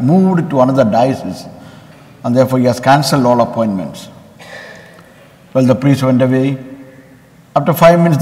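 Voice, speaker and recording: A man from India, a visiting bishop, giving a Sunday homily in an earnest storytelling manner with pauses. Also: medium pitch, darkish tone. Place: large church. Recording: long church reverb.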